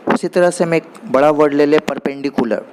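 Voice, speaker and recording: A man teaching basic grammar, explaining in Hindi and reading definitions slowly and deliberately. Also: fairly high pitch, fairly even intonation, noisy background. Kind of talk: explanatory lesson.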